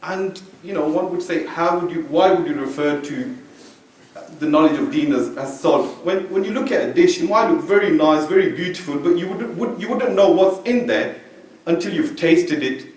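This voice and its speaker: A man from Belgium gives a conversational sermon in a mosque hall, padding his talk with "you know" as he goes. His voice sits on the high side. He stands back from a stand mic, so the sound is distant and swims in heavy room echo. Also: animated, moderate pace, a little mellow. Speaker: religious speaker. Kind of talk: informal sermon.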